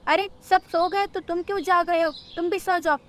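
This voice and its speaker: A woman's voice: very high-pitched, steady tone, normal speed, a little hiss or hum, voice pushed up. A woman voicing a grumpy old female bird, a nagging mother-in-law who scolds and complains, in a cartoon story. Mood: scolding. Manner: scolding, complaining, sharp-tongued.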